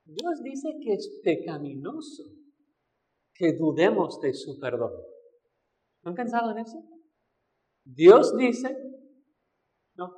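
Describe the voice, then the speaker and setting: A man's voice: sits high, big pitch swings, slow, long pauses, a little mellow. A male pastor preaching a sermon, who asks the congregation questions and acts out the voices he quotes. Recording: echoey hall with long reverb.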